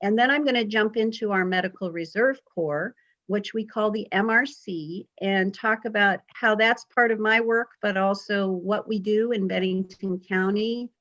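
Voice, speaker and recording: A woman's voice: mid-range voice, normal speed, fairly bright tone, highs cut off. A woman in her fifties, a health emergency preparedness specialist, giving a friendly, informal talk on a video call with frequent ums and uhs. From Vermont. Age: 50s.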